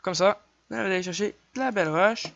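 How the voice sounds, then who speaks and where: A young man with a Québécois French accent, chatting casually through a game tutorial, counting his clicks aloud and apologizing quickly for slips. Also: high-pitched, creaky, a bit bright, no room sound. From Quebec. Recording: dull lo-fi dry home mic.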